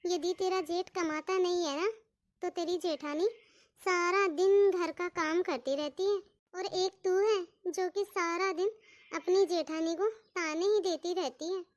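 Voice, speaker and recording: A woman's voice: very high voice, steady tone, a little slow, no room sound. A woman doing a stern cartoon mother-in-law. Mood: scolding. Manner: scolding, commanding, calls daughters-in-law "bahu". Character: stern but fair Indian mother-in-law. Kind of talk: cartoon voice acting.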